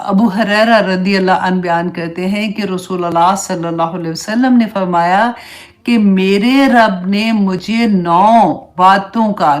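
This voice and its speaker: Woman teaching a religious class. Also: medium pitch. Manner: conversational, mixes English phrases; gives numbered points, speaks directly to students. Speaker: Islamic teacher.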